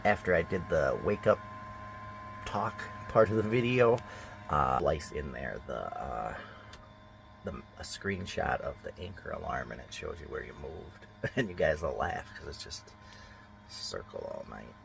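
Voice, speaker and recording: A man with a very low, gravelly voice chats aimlessly as he vlogs from his boat on a river. He rambles and leans on plenty of fillers. Loud outdoor noise runs under the recording. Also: animated, unhurried. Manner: rambling, chatty, many fillers. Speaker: boating vlogger. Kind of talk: casual vlog narration.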